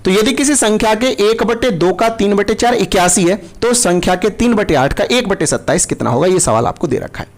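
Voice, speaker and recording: A man's voice: high voice, lively intonation, brisk, few pauses. A man teaching a live online maths class, patient and coaxing, repeating each step and checking that his students follow. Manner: addresses students as kids, coaxing.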